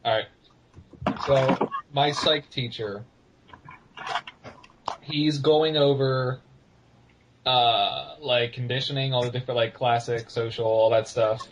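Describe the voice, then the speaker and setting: A man's voice: mid-range voice, steady tone, takes it slowly, pauses often, noisy background. A teenage boy telling an anecdote in a casual podcast chat, hesitant and full of "like". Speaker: podcast co-host.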